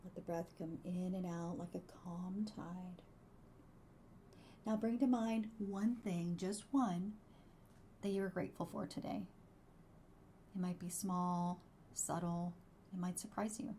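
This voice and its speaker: A woman guiding a meditation in a soft, hushed, soothing voice that slips close to a whisper, unhurried and gentle. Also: fairly low pitch, fairly even intonation, slight background noise. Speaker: host, wellbeing coach and meditation guide. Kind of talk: guided meditation.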